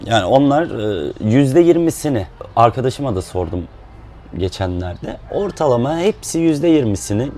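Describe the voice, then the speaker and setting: A man explains things calmly, with a mellow, dark voice that stays at a middle pitch. He talks in an easygoing way and uses plenty of fillers. There is faint noise in the background. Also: normal speed. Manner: relaxed and explanatory, with frequent fillers. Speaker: independent musician and guest. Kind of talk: casual chat.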